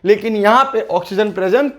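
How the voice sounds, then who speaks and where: Young male biology tutor, high pitch, friendly, drills key words with questions. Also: brisk, a bit bright. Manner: repeats key terms, asks and answers his own questions; friendly, coaxing. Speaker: biology teacher. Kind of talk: exam-prep lecture.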